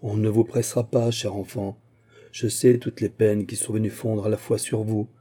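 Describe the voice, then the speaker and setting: A man voicing a kindly elderly scholar who acts as a fatherly guardian, gentle and a little flustered. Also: lowish voice, little pitch movement, normal speed, slightly rough. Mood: earnest.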